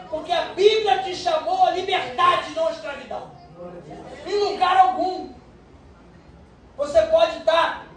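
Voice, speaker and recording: A woman preacher, delivering an animated sermon full of storytelling and bursts of shouting. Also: high voice. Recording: echoey distant room sound with faint noise.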